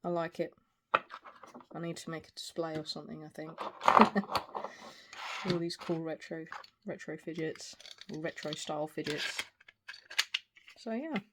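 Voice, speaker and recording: At a measured pace with frequent pauses, a video reviewer in their forties speaks in a medium-pitched, fairly even voice, giving a casual, unplanned product review that wanders and hesitates. Clear background noise and small clicks are present.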